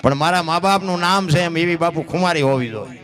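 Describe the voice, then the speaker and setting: A man telling devotional folk stories, dropping to low murmurs and rising into high declaiming bursts. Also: a little fast, over music. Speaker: folk storyteller.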